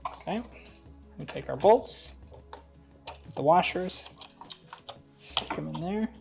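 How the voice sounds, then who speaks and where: In this casual DIY tutorial, the male host walks through each step of the build as he works on it. He sounds animated yet slow, with a somewhat high, slightly mellow voice and some vocal fry, over soft background music.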